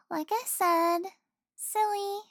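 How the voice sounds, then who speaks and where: A young woman playing an affectionate, teasing girlfriend in an intimate audio roleplay, speaking softly with sighs and giggles. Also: very high-pitched, dry recording, clean studio sound, full character voice.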